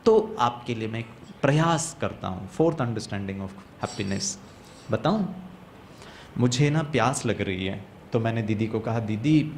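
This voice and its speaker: A man giving a motivational spiritual class, animated, asking the audience questions and mixing in English phrases. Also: mid-range voice, a little hiss or hum. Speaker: motivational speaker.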